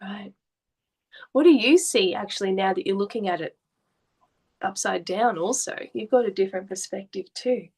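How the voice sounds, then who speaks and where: Gentle woman art therapist. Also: medium pitch, moderate pace, vocal fry, pauses often, husky, poor audio. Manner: gentle, questioning, explains meanings. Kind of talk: therapy session conversation.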